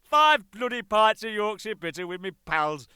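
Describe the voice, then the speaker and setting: A man voicing a homesick, grumbling middle-aged Englishman, whining in drawn-out oh's. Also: high voice, sing-song, bright, forceful tone, clean tone, no echo, pitched above the performer's own voice, exaggerated voice. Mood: moaning. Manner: whiny moaning with drawn-out oh's.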